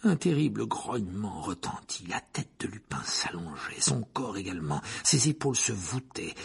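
A man reading a fantasy novel aloud as audiobook narrator, telling it dramatically with hushed passages. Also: medium pitch. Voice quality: husky, gravelly. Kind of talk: scripted narration.

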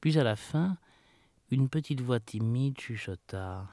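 A man narrating a children's audiobook, telling it expressively with dramatic rises and hushed asides. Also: medium pitch, expressive, slow pace, no echo.

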